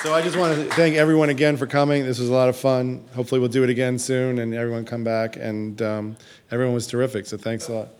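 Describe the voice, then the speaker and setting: A man's voice: medium pitch, flat delivery, fast talker, darkish tone, a little hiss or hum. Man host, casual and joking, working a small room. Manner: chatty and joking, hands off to audience members. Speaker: event host. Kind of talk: casual live-event wrap-up.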